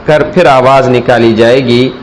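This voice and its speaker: A man's voice: mid-range voice, steady tone, slight background noise, poor audio. A man teaching an alphabet reading lesson, explaining each letter and stretching the sounds out carefully. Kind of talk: slow instructional alphabet lesson.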